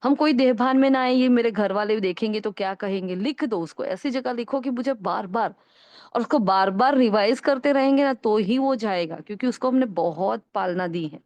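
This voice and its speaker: A woman's voice: a little high, normal speed, darkish tone, dry recording, dull audio. A woman spiritual teacher giving an earnest, coaxing talk and answering a question, often asking "right?" to check on her listeners.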